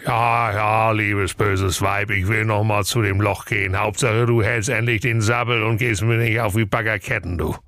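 A man's voice: lowish voice, steady tone, moderate pace, few pauses, a bit bright, no echo, studio quality, pitched above the performer's own voice. A man voicing a good-natured, henpecked excavator driver who sounds exasperated in a comic audio fairy tale. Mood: weary. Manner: weary, exasperated, sing-song rhymes.

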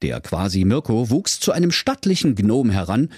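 A man's voice: on the low side, big pitch swings, normal speed, darkish tone, husky, no echo, studio quality. A man with a Berlin accent narrating a comedic fairy tale in a playful, theatrical way. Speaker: storyteller.

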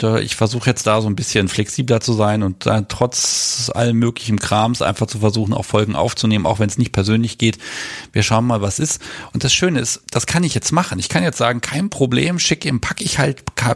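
A man's voice: medium pitch, vocal fry. A man hosting a casual live podcast in a chatty, informal way, with a lisp that makes his s slushy, like sh. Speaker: podcast host.

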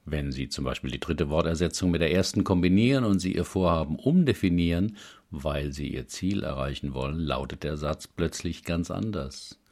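A man calmly reading a self-help text aloud in a measured, explaining manner. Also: extremely low pitch.

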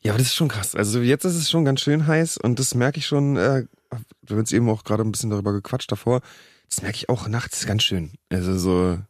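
A man's voice: medium pitch, fairly quick, no room sound, clean studio sound. A man co-hosting a podcast, talking candidly in a rambling casual chat. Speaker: podcast co-host.

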